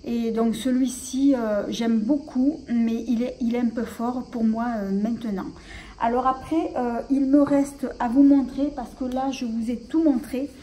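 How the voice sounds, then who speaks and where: A woman's voice: a little high, fairly even intonation, measured pace, warm tone, rough recording. Hesitant woman showing off her perfumes. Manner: hesitant, many fillers and restarts. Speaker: beauty vlogger. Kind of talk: casual show-and-tell vlog.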